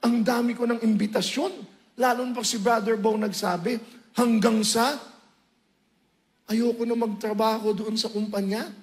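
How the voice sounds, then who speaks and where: A male preacher giving a sermon testimony, telling his story with animated, emotional swings into loud highs. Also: moderate pace.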